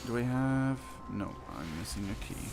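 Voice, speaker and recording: Over video game music, a gaming video host plays and reads quest text aloud, adding dry, wry asides. His mid-range voice is expressive and moves at a normal speed, with some background noise.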